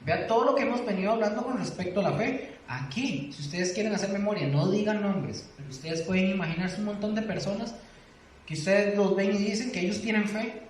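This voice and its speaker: A man's voice: sits high, fairly quick. A man teaching a church doctrine class, earnest and exhorting, often putting questions to his listeners. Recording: echoey room, distant mic, faint noise.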